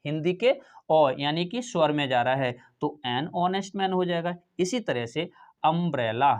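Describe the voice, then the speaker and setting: A man's voice: a little high, expressive. A man, explaining a grammar lesson as a teacher, repeating words and answering his own questions. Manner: repeats words slowly, asks and answers himself. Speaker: English teacher. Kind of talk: classroom explanation.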